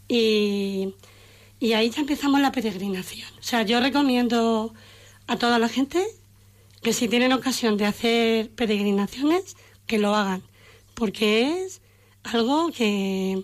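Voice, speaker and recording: Chatty middle-aged woman. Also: on the high side. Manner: warm storytelling, emotional, quotes family in dialogue. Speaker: radio guest. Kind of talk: casual radio chat.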